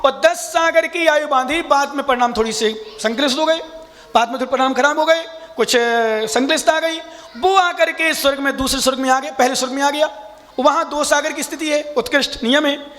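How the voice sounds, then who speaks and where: Male monk lecturer, very high bright voice, explains and quizzes, reverberant hall. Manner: explains step by step, quizzes listeners, chants sutras slowly. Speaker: Jain monk teaching scripture. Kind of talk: scripture class lecture.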